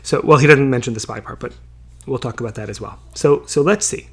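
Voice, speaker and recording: A man teaching a Bible passage in a casual way. He reads each verse slowly, translates it, and checks in with listeners as he goes. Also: mid-range voice, a bit bright, breathy edge. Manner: chatty, many fillers and checking questions.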